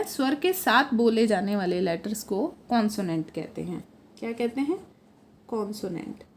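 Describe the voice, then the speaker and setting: Slow, patient woman teaching phonics. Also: fairly high pitch, a little mellow, a little hiss or hum. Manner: slow, patient, sounds letters out one by one; corrects own slips mid-sentence. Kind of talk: phonics lesson for children.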